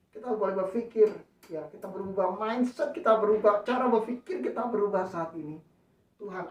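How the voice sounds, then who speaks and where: A woman's voice: mid-range voice, a little mellow. A woman preaching a sermon. She keeps saying "ya" and calling out to the congregation as she speaks. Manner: repeats "ya" and "saudara", calls out to the congregation. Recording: echoey, distant, dull church recording.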